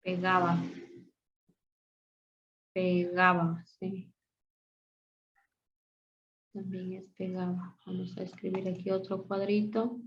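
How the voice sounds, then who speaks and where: Slow, patient woman teaching a class. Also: lowish voice, monotone. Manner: slow, repeats words aloud while pointing them out. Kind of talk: classroom lesson. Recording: dull lo-fi sound.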